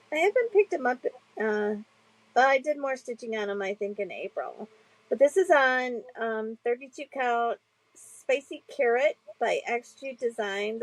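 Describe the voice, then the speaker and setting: A woman co-hosting a casual chat, talking chattily and hesitantly with many pauses and fillers. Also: a little high, no echo, rough recording. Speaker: co-host.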